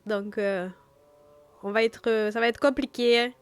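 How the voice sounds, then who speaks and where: Hoarse woman with a southern French accent. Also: on the high side, steady tone, measured pace, no room sound. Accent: put-on southern French. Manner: chatty, self-mocking. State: hoarse, broken voice after illness. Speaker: game master. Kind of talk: casual live-stream chat. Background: background music.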